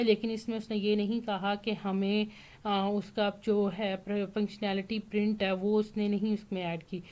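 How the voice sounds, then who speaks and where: A Pakistani woman with a mid-range, slightly mellow voice gives a casual spoken lecture as an online tutor. She explains things with plenty of fillers and keeps checking in with "theek hai".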